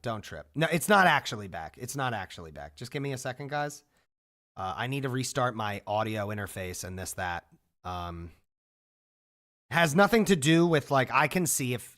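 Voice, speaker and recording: A man's voice: mid-range voice, sing-song, normal speed, fairly bright tone. A young man chatting casually on a livestream, restless and jokey, swearing when frustrated. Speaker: streamer.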